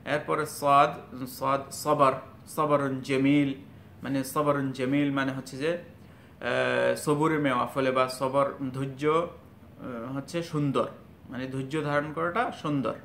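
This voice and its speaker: A man giving a spoken lesson on letter sounds, halting and full of fillers, sounding each letter out slowly and loudly. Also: fairly even intonation, gravelly. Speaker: Arabic teacher. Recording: echoey room with faint rumble.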